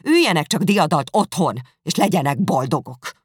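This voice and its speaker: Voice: mid-range voice, big pitch swings, breathy edge, dry recording, clean studio sound. Elizabeth, read by a narrator as an indignant young woman. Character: lively young woman, upset and outspoken.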